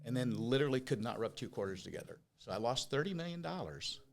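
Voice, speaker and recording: A man's voice: medium pitch, very animated, fast talker, vocal fry. Older American man with a whistling s. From Oregon, United States. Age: 50s or older. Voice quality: whistling s from new teeth. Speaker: podcast guest, business owner. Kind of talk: conversational interview storytelling.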